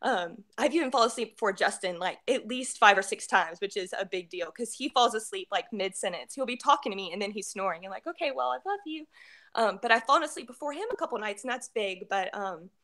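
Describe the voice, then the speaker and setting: A woman tells her own story, tearful and heartfelt. She talks in loose, rambling phrases full of "um" and "like", her voice at a middle pitch. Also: lively intonation, fast, few pauses, fairly bright tone. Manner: tearful, heartfelt, many fillers. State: crying at times. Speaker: guest sharing a testimonial. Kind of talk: emotional personal testimony.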